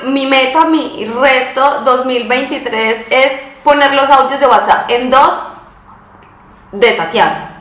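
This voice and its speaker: A woman's voice: high voice, slow, fairly bright tone, roomy sound. A woman with a Latin American Spanish accent, a native Spanish speaker, hosting a casual chat interview and slipping between Spanish and Portuguese. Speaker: interviewer and host.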